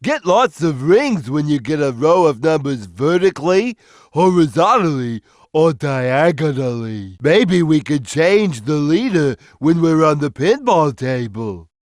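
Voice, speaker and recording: A big, gentle cartoon cat for a video game. The voice sits fairly high for a male and bounces widely in pitch. It moves slowly, with a simple, earnest, slow-witted and good-natured manner, recorded very dry. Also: very animated, no echo. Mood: earnest, helpful. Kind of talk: video game character voice lines.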